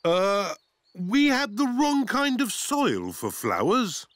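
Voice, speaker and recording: A man's voice: high-pitched, sing-song, takes it slowly, a bit bright, dry recording, full character voice. A man voicing a cheerful, blustery father pig with a big tummy in a children's cartoon. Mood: jolly. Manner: cheerful, blustery and good-humoured. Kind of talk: cartoon voice acting.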